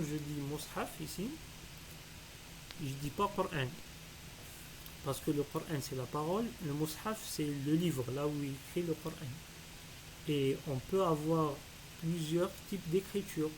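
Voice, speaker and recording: A man teaching a reading lesson step by step. He is patient, sounding out syllables slowly and repeating them. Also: a little high, background noise.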